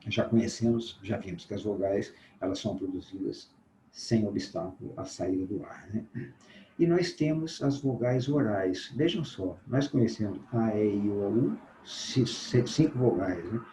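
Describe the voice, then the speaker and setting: A male teacher with a Brazilian Portuguese accent giving a recorded class, patiently explaining and sounding out letters slowly to demonstrate. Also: lowish voice, warm tone, reverberant, slight background noise, rough recording.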